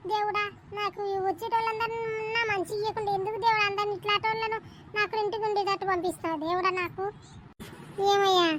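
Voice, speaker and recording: A woman puts on an old landlady for a cartoon, always groaning and grumbling about her troubles. The voice sits very high and moves fast. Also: fairly bright tone, slight background noise. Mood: self-pitying. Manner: groaning sighs, complaining. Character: old grumbling landlady, fed up, self-pitying. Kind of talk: cartoon voice acting.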